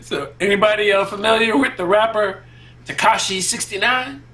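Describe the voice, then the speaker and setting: A man co-hosting a casual panel podcast, talking in a relaxed, slangy way and laughing often. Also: high-pitched, moderate pace. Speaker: podcast co-host.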